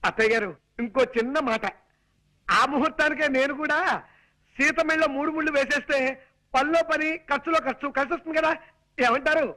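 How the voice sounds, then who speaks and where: An actor playing an excitable young suitor who talks theatrically in a film comedy. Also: male voice, very high voice, brisk, pauses often, poor audio. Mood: scheming. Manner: theatrical, over-explaining. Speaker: comic suitor.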